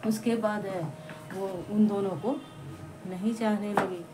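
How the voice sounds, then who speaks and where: A woman's voice: medium pitch, steady tone. Woman telling a folk tale, noisy home recording. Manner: chatty, halting, with restarts and asides to listeners. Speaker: storyteller. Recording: home recording with clear background noise.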